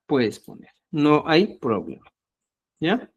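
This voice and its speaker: A man's voice: a little high, wildly swooping pitch, slow pace, husky, lo-fi sound. A middle-aged man teaching a live online language class. He explains patiently and keeps checking that students follow. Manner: patient, repetitive, checks understanding with frequent "ya?".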